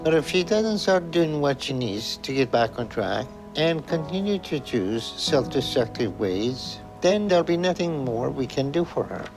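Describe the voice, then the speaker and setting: A man's voice: mid-range voice, sing-song, normal speed, hardly any pauses, rough recording. A male doctor speaks firmly and directly to a patient about her last chance. A faint music bed plays under his voice, as in a television show. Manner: firm and direct. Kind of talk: stern advice to a patient.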